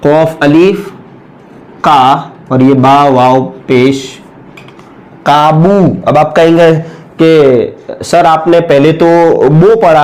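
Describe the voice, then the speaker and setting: Man, somewhat high voice, patient teacher, slow spelled-out sounds, frequent check-ins. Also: dark tone. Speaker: Urdu writing teacher. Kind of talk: step-by-step spoken lesson.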